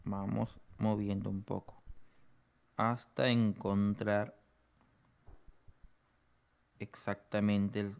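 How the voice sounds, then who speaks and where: A man's voice: fairly low pitch, little pitch movement, vocal fry, a little mellow, smooth, muffled recording. Man walking through an app step by step. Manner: explains slowly, often adds "¿no?". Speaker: app tutorial presenter. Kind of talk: step-by-step how-to explanation.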